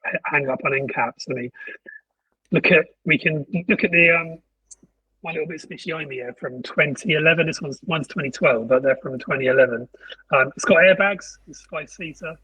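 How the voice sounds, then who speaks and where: A man's voice: a little high, normal speed, bright, forceful tone, slight background noise. A man chatting casually on a podcast, stumbling and restarting as he goes. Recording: muffled, distant from the mic.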